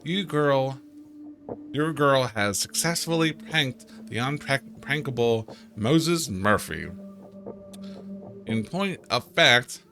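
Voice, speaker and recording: A man's voice: mid-range voice, animated, slow, pushed and bright, soft background music. A man streaming a game, chatting casually, reading in-game posts aloud, playful and stumbling over words. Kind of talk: casual let's-play commentary.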